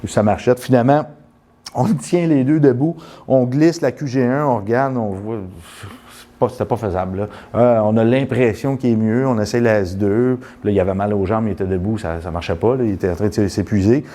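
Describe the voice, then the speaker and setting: A man with a Quebec French accent, telling a rambling, animated story full of restarts and then guiding a postural check. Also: lowish voice, brisk. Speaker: postural therapist. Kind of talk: casual storytelling and live demonstration.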